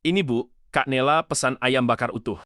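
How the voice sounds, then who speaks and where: A courteous young delivery driver in a cartoon drama, voiced by a man. He speaks in a plain mid-pitched voice, polite and matter-of-fact, recorded dry and close. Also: fairly quick, pushed and bright, dry recording, close to an everyday voice.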